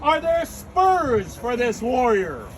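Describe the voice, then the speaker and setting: A man's voice: very high voice, big pitch swings, slow, slight background noise. A man giving a solemn, regal knighting recitation in formal ceremonial words, as the officiant.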